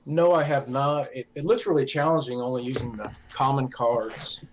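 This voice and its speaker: A man's voice: medium pitch, steady tone, normal speed, crowd noise. A man co-casting an esports match with casual, conversational commentary. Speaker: esports co-caster.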